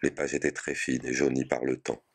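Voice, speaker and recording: A man reading a short story aloud in a measured, sober way. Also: a bass voice, flat delivery, breathy edge. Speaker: reader.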